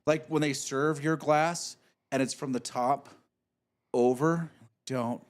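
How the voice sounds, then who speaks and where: A man co-hosting a casual podcast from a cigar lounge, animated and griping about gross habits. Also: fairly high pitch, slow pace. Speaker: podcast co-host. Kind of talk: casual banter.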